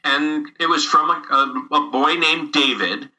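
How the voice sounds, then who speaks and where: A middle-aged man with a very bright, forward voice tells a story in an easy, conversational way. He chuckles between phrases and restarts his sentences as he goes. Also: fairly high pitch, unhurried, rough recording. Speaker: guest telling stories. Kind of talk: casual anecdote telling.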